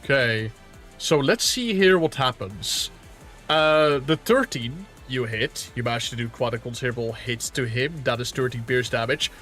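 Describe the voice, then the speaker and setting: A man runs a tabletop role-play game, narrating each turn in a loose, rambling way with the odd light curse. His voice is bright and forceful at a middle pitch. Faint music plays underneath. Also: moderate pace. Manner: casual, rambling, swears lightly. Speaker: game master.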